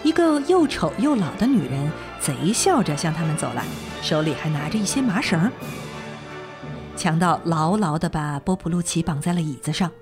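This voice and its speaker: A woman narrating a children's story with a lively, expressive reading. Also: low-pitched, moderate pace. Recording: narration over clear music.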